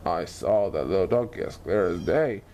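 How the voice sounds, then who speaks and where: A man's voice: deep voice, expressive, moderate pace, warm tone, a little hiss or hum, voice pushed down. A man voicing a baffled male lion in a storybook, grumbling and muttering to himself. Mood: bewildered grumbling.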